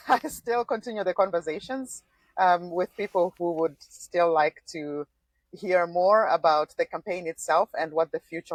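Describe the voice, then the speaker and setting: A Zimbabwean woman in her forties, once a political candidate, tells her story as a podcast guest in a conversational interview. Her voice is lowish, the recording low-quality with no room sound, and she's thoughtful, laughing often and frequently restarting sentences.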